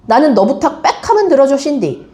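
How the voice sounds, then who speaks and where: A woman's voice: high-pitched, expressive, normal speed, a little mellow, voice pushed up. A woman voicing a fiery middle-aged woman who scolds her friends angrily in Jeju dialect. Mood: angry. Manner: angry scolding, rough dialect.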